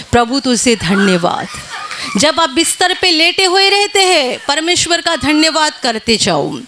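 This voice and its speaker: A woman's voice: fairly high pitch, fairly bright tone. A woman preaching a sermon, urging prayer and often repeating hallelujah. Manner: repeats hallelujah, urgent exhortation.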